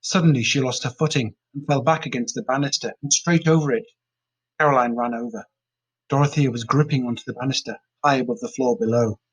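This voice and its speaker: A man reads a story aloud in a steady, plain manner. His voice is husky and sits at an everyday pitch. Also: fairly quick, low-quality recording. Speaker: narrator. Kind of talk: storybook reading.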